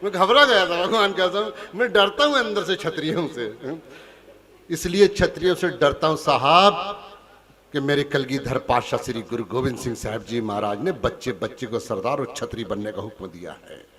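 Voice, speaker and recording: A man's voice: mid-range voice, moderate pace, a crowd in the background. Man, from Punjab, teasing comic poet, live stage, long reverb. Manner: teasing, chatty, addresses the audience directly. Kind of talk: hasya kavi sammelan stage comedy.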